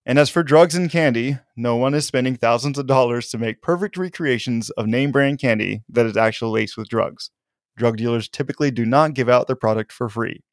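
A man's voice: medium pitch, brisk, no room sound, clean studio sound. A man co-hosting a casual podcast chat, reading facts aloud and laughing often. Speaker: podcast co-host.

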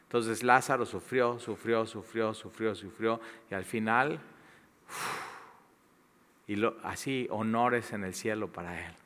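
A man preaches and prays in a low voice, hammering words through repetition. He swings between emphatic bursts and hushed, near-whispered lines. A long reverb from a large hall trails behind him. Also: unhurried, long pauses. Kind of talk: sermon and closing prayer.

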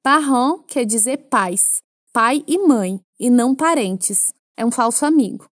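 High-voiced Brazilian woman teaching French. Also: lively intonation, measured pace, no room sound, studio quality. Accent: Brazilian Portuguese. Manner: clear, patient teaching with playful asides. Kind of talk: language lesson for Portuguese speakers.

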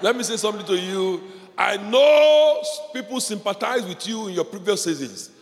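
A pastor preaching a sermon with passion, repeating phrases and leading the congregation in call-and-response. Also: male voice, high-pitched, expressive, moderate pace. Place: church hall. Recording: reverberant hall with faint background noise.

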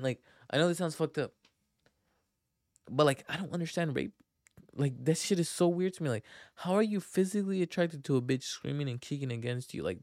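A man's voice: medium pitch, gravelly, no echo, clean studio sound. A young man hosting a casual solo podcast, rambling in a crude, profane, slang-heavy way into a computer mic. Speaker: podcast host.

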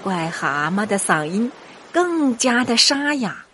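Lively, unhurried woman storyteller. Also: a little high, a little hiss or hum. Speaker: children's storyteller. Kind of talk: scripted children's story narration. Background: music.

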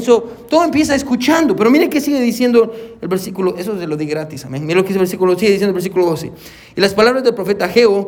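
A pastor preaching a sermon with lively delivery, peppering his points with "amén" and acting out little conversations. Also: high voice. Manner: animated preaching, punctuated with frequent "amén"; acts out little dialogues with congregants and his wife.

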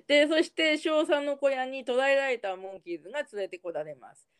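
A woman's voice: high-pitched, a little fast. A woman co-hosting a casual chat, retelling the scenes of a TV episode and laughing often. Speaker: co-host recapping a TV episode.

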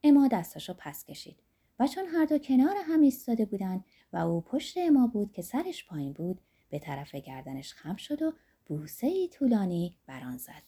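A woman narrating an audiobook in an expressive way, dropping to hushed tones and lifting again. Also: medium pitch, husky.

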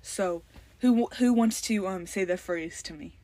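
A woman's voice: medium pitch, a little slow, mellow. A teenage girl hosting a casual podcast among friends, chatty and bubbly, saying "like" a lot. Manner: chatty, bubbly, says "like" often. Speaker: podcast host.

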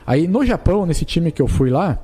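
A man with a Brazilian accent, a footballer guest telling a story in casual chat, animated and repetitive, acting out the dialogue. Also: on the high side, normal speed, husky, soft background music.

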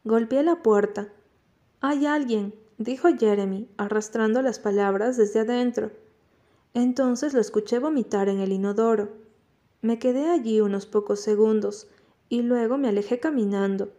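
A woman narrating an audiobook in a calm, measured reading. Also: fairly high pitch.

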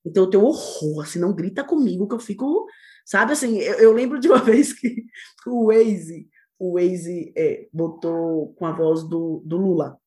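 A woman with a Brazilian Portuguese accent, speaking as a guest in an animated conversational way, expressive and laughing often, with quick bursts of emphasis. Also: on the low side. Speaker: guest speaking on nonviolent communication.

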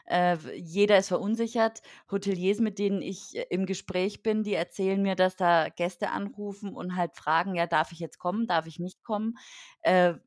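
A woman's voice: on the low side, fairly even intonation, normal speed, no echo, clean studio sound. A woman speaking as a podcast guest from the hotel industry, talking casually with many fillers and restarts, indignant about the rules.

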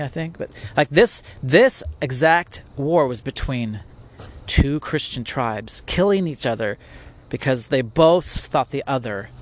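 Male podcast host, casual reflective monologue, mid-range voice, thinks aloud with frequent restarts and rhetorical questions. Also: mid-range voice.

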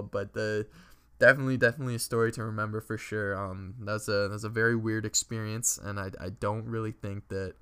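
A man's voice: lowish voice, fairly bright tone, clean tone. A young man from Ontario, Canada, telling rambling party stories with lots of filler words, swearing and laughter. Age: young adult. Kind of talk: casual storytelling.

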